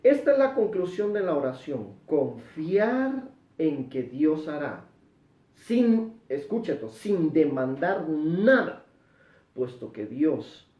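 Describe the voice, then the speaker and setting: A man's voice: on the high side, warm tone, roomy sound, far from the mic, dull audio. A man teaching a Bible sermon in an emphatic way, repeating words for stress. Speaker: preacher.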